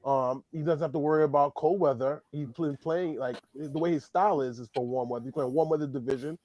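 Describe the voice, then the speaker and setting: A man's voice: fairly high pitch, steady tone, brisk, a little mellow, dry recording. A man joining a casual live-stream chat about football, loose and repeating himself. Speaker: guest on stream.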